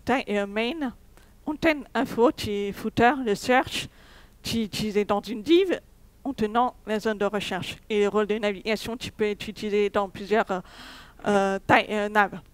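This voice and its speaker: A woman's voice: mid-range voice, moderate pace, smooth, dry recording. A young woman giving a technical conference talk, hesitant, with many fillers and restarts. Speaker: conference speaker. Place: conference hall.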